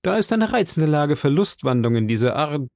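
A man's voice: on the high side, very animated, normal speed, creaky, darkish tone, dry recording, studio quality, pitched above the performer's own voice. A man voicing a young, hot-headed male swordsman who speaks in a raised, courtly but challenging manner, from a storybook reading. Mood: defiant gallant.

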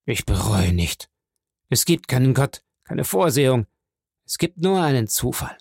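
A man's voice: mid-range voice, big pitch swings, measured pace, gravelly, darkish tone, slightly rough, dry recording, studio quality, exaggerated voice. A man voicing a dying, bitter man who cries out in anguish, reading an audiobook. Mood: defiant.

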